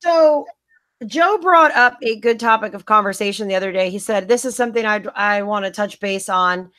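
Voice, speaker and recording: A woman's voice: mid-range voice, normal speed, bright, forceful tone, no echo. A woman co-hosting a casual podcast chat, easygoing and steering the topics. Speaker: podcast co-host.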